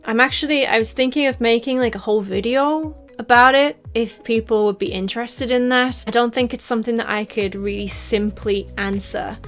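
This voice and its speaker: A young woman from northeast England, with a softened Teesside accent, chatting in a casual Q&A vlog. She rambles with lots of "like" and little laughs as she answers fan questions. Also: on the high side, normal speed, hardly any pauses, soft background music. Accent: softened Teesside English.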